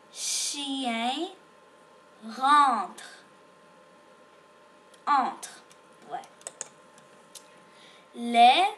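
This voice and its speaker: Slow, patient woman teaching reading. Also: on the high side, fairly bright tone. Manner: sounds out letters patiently, repeats each word. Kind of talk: slow beginner reading lesson.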